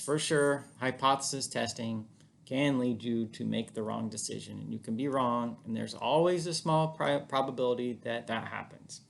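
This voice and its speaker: A man's voice: medium pitch, vocal fry. A man teaching statistics in an informal recorded lecture, talking in a casual, chatty way with fillers and self-corrections, recorded at home on camera.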